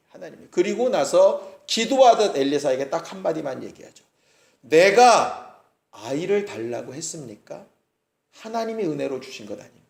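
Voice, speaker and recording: A man's voice: high voice, reverberant. A male pastor preaching a sermon, retelling a story with acted-out quotes and rhetorical questions. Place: church sanctuary.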